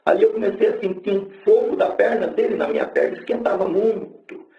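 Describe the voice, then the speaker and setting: Man, fervent church testimony; gravelly, fairly high voice; echoey, dull, lo-fi church recording. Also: fairly quick, faint music behind. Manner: fervent storytelling, rising to exclaimed praise. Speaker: church member giving testimony. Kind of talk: religious testimony to a congregation.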